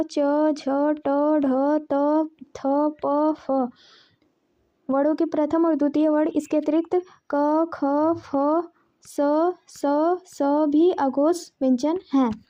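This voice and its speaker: A woman with a high-pitched, mellow voice teaches an exam-prep grammar lesson. She reads out letters one at a time and stops to correct herself. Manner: reads lists of letters item by item, self-correcting.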